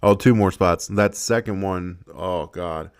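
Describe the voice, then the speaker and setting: A man's voice: sits low, unhurried, smooth. A man giving casual gameplay commentary, swearing a lot, laughing often and rambling with restarts. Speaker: gaming video creator.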